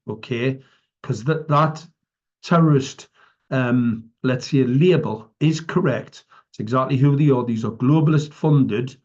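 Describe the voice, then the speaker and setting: In dull, lo-fi audio, a British man speaks at a medium pitch with a darkish tone, addressing the public off the cuff as an activist. He preaches with emphasis and keeps checking in with short tags like "right" and "okay."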